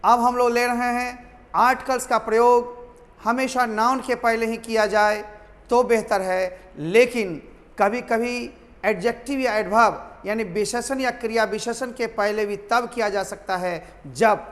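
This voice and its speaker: A man's voice: very high-pitched, a little slow, fairly bright tone, in a large hall. A man teaching a grammar lesson to students, repeating key points and calling them his children.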